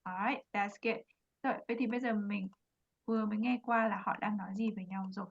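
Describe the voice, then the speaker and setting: Quick Vietnamese-accented woman teacher. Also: mid-range voice, steady tone, dull audio. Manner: quick explanations in Vietnamese, slow careful English modeling. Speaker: English teacher. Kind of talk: online English lesson, mixing Vietnamese and English.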